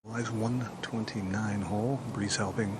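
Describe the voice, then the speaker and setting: A man's voice: lowish voice, steady tone, measured pace, heavy background noise. Male on-course golf commentator, clipped and technical. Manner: clipped, technical shot descriptions.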